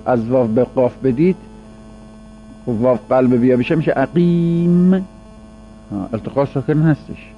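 A man teaching Arabic grammar in a classroom lecture, whose first language is Persian, drawing out the example words slowly. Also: medium pitch. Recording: dull lo-fi recording with mains hum.

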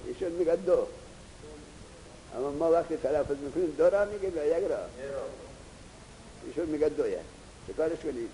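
A man teaching grammar in a classroom lecture, reading Arabic text slowly, then explaining it in Persian and putting questions to his students. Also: fairly high pitch, animated, dark tone, big-room sound, slight background noise, low-quality recording.

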